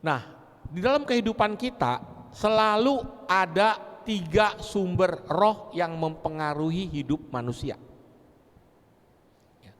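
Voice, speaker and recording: A man's voice: high-pitched, slow pace, long pauses. Man teaching in a reverberant hall. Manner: lively, conversational, with many rhetorical questions. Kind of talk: teaching talk with personal stories. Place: large church hall.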